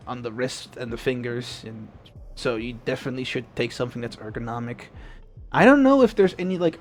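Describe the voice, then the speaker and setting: A man's voice: medium pitch, slight background noise. Chatty male streamer talking to viewers. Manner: chatty, rambling, answers chat questions. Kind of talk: casual chat with stream viewers.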